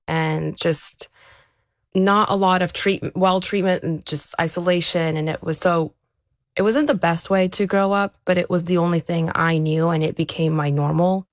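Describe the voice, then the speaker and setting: An athlete appears as an interview guest, reflecting on her personal story in a rather low female voice. She was born in Ukraine, lived there until age seven, then moved to America. The studio-quality recording has no room sound.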